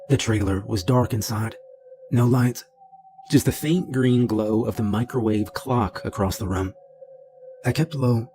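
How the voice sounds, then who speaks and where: A middle-aged man narrating a first-person horror story in a low, steady, deliberate way. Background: faint music.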